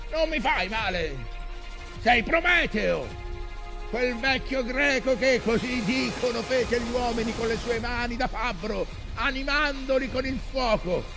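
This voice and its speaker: An obsessed old sea captain on the theatre stage, commanding and grandiose. The voice is pitched extremely high and declaims at a slow pace. Loud music plays behind it. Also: male voice.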